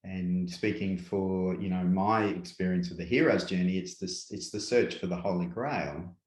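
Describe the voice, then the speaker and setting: A low-voiced, darkish-toned Australian man speaks in a roomy space. As a guest speaker and workshop presenter in a reflective conversational interview, he takes his time and leans heavily on fillers, repeating "yeah" and "yep".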